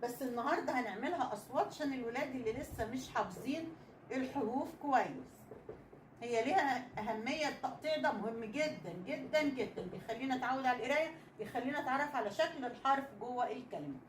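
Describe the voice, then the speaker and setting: A woman's voice: high voice, expressive, fast. A young woman teacher with an Egyptian accent, giving a children's reading lesson. She stretches out letter sounds and repeats them patiently. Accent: Egyptian Arabic. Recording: echoey room with faint noise.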